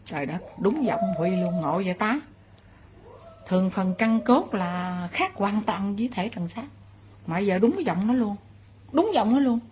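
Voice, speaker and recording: A woman's voice: mid-range voice, animated, measured pace, a little mellow, slight background noise. Rambling woman medium. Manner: rambling, full of fillers and exclamations. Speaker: spirit medium. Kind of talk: spiritual session talk.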